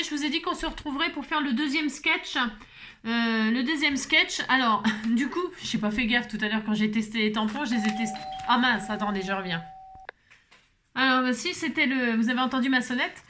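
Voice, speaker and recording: A slightly tired French woman, a papercraft vlogger, chats casually at home while making a card in a craft tutorial. Her voice is high-pitched, bright and pushed, fairly quick, with a little hiss or hum, and she rambles with lots of fillers, restarts and small laughs.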